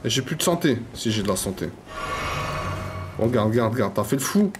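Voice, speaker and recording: A man giving live gameplay commentary, slangy and excitable, swearing and trash-talking enemies and repeating phrases. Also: mid-range voice, a little fast, over music. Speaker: gaming YouTuber.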